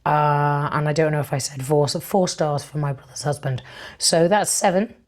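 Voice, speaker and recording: A woman reviews books in a casual vlog, rambling with plenty of ums. Her low voice is breathy and fading, as if she is losing it. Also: fairly even intonation, normal speed. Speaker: book vlogger.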